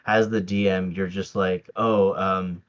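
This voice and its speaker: This is a low-pitched man speaking in a level tone at a measured pace, with the highs cut off. A native Tagalog speaker, he's a podcast guest in a casual interview chat. He sounds hesitant, laughs often, and fills his talk with fillers and restarts.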